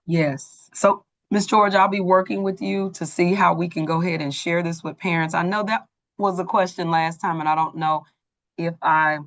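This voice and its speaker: A woman from a school's staff talks to parents over a video call using her computer mic, organized and plain-spoken yet often saying um and restarting. Her voice runs on the low side, with fairly even intonation at normal speed.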